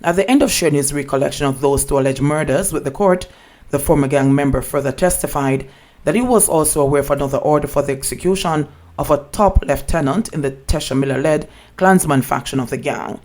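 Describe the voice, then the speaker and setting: Male news narrator, pitch a little above average, formal scripted delivery. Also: a little fast, darkish tone.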